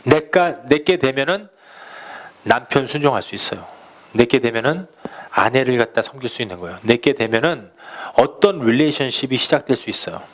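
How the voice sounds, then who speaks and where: Animated Korean-speaking male pastor preaching. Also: mid-range voice, a little fast. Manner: lively preaching, acts out quoted voices, rhetorical questions. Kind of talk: sermon.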